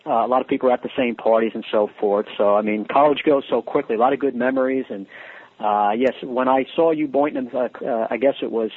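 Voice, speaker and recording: A man's voice: medium pitch, quick pace, breathy edge, no room sound. A man in his forties co-hosting a radio show, chatty and teasing, rambling with restarts. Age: 40s. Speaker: radio co-host. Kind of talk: casual chat. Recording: phone-like radio line.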